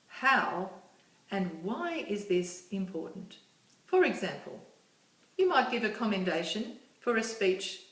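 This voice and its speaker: A woman giving a measured, explanatory recorded lecture as a course instructor. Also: medium pitch. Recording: echoey room, distant mic.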